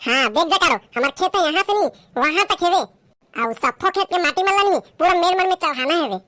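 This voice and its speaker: A woman's voice: very high voice, animated, very noisy. A woman voicing a lazy young village man from a comic skit, grumbling and making excuses in a Chhattisgarhi accent. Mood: bossy. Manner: whiny, grumbling, quick to complain.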